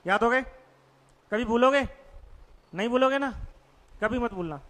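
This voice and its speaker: High, bright-voiced male teacher in a hall. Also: a little slow. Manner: quizzes students with repeated questions. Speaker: English teacher. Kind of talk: classroom vocabulary lesson.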